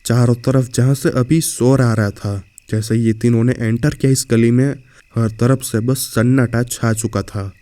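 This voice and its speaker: A man's voice: medium pitch, steady tone, a little slow, dark tone, dry recording. A man narrating a horror story in a casual way, speaking directly to the listener.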